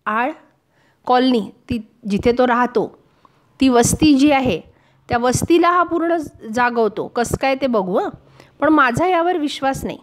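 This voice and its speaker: A woman teaching a lesson in a high voice. She reads a humorous passage aloud and then stops to explain it in simple words. Her tone is that of a teacher. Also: lively intonation, unhurried. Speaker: Marathi teacher.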